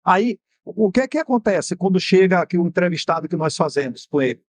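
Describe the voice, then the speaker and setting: Bahian-accented Brazilian man, TV host, high voice, dry studio sound, didactic rhetorical questions. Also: lively intonation, fast talker, a little mellow, no echo. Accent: Brazilian Portuguese, Bahian. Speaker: TV show host and mentor. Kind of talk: explanatory TV talk on finance.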